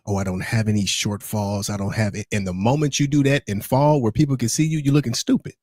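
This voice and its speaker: A man co-hosting a podcast in a studio, talking in a playful, lively way that turns into preaching about the Bible. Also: fairly low pitch, fast, no echo. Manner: playful and animated, drifting into preachy Bible talk. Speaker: podcast co-host. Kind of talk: casual chat.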